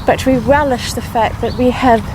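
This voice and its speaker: A woman guiding a grounding meditation, speaking positive affirmations with pauses and repetition. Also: fairly high pitch, fairly even intonation, noisy background. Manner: slow, pausing grounding-exercise delivery with repeated affirmations. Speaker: meditation guide.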